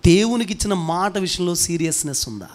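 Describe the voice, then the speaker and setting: A man's voice: sits high, lively intonation, brisk. A man pastor preaching a sermon, pressing his hearers with rhetorical questions and calling on them to answer aloud. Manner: emphatic, fires rhetorical questions, calls the congregation to respond.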